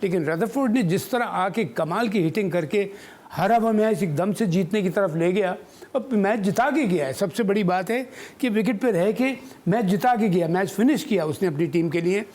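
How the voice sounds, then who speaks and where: A man's voice: sits high, moderate pace, a little mellow. An older man, a former chief selector giving emphatic studio cricket analysis and dropping in English phrases.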